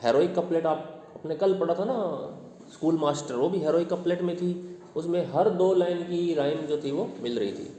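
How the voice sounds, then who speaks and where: Lecturing in a classroom that rings with long reverb, a man patiently walks his students through the material and tests them with questions. He speaks at normal speed in a slightly high, mellow voice, with a bit of background noise.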